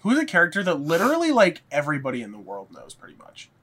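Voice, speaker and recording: Man, casual chat, wildly lively pitch, bright tense tone, playful. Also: slightly rough. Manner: playful, jokey, quick reactions. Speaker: podcast co-host.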